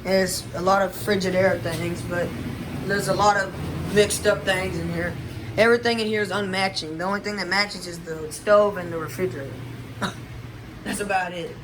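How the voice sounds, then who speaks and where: Noisy with running water and appliances, this clip has a man vlogging from an indoor condo kitchen by a running washer. He speaks high-pitched at a moderate pace with fairly even intonation, rambling casually through fillers and restarts.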